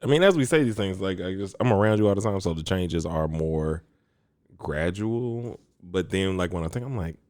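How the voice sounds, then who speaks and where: A man's voice: low-pitched, animated, moderate pace, a little mellow. A man co-hosting a podcast in casual chat, rambling off on tangents and laughing often. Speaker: podcast co-host.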